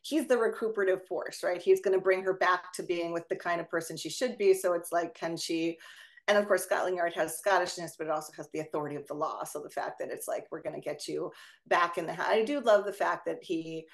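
A woman leading a casual academic discussion over a video call, talking in chatty, digressive runs with quick asides. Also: fairly low pitch. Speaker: discussion leader.

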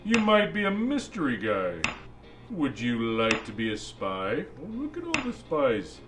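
A man's voice: on the high side, huge pitch swings, a little slow, music in the background. A man playing a jolly old Santa Claus, reading a children's storybook aloud with playful, musing asides to the kids. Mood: playful, animated. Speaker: storybook reader.

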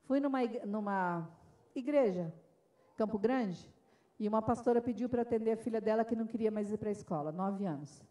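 A woman with a Brazilian Portuguese accent addresses a forum in an emphatic, impassioned talk, acting out the exchanges she tells about. Her voice sits high, and she sounds set back from the microphone. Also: moderate pace, mellow, far from the mic. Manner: emphatic, acts out dialogues in her speech. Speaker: forum speaker. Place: event forum.

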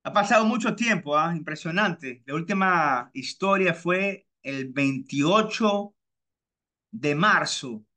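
A man talks easily and chattily as the host of his own storytelling podcast. His voice is bright and sits a bit high. He circles back and repeats phrases as he goes. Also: expressive, slow. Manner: chatty, repeats himself, mimics friends with high-pitched voices. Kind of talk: casual personal storytelling monologue.

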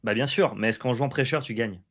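A man's voice: mid-range voice, brisk, crowd noise. A man co-hosting a card game video, bantering and joking as he comments on the plays. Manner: jokey, banters, apologizes playfully. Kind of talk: casual gameplay chat.

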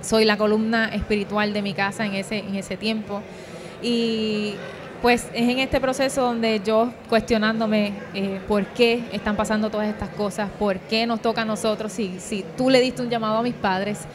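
At a convention booth with crowd chatter around her, a young adult woman from Puerto Rico speaks into a handheld microphone for an interview. Her Puerto Rican-accented, mid-range voice stays level at a normal speed as she offers an earnest, somewhat hesitant personal testimony.

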